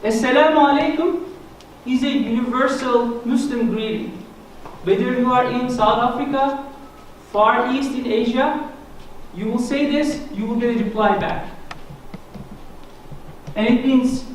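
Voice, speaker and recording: A high-voiced man with a thick Turkish accent, giving an earnest explanatory talk. He sounds set back from the mic in a very echoey church hall. A faint hiss sits under his voice. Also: a little slow, long pauses, distant mic. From Turkey. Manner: earnest, explanatory, self-deprecating humor. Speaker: guest speaker. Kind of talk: church presentation on Islam.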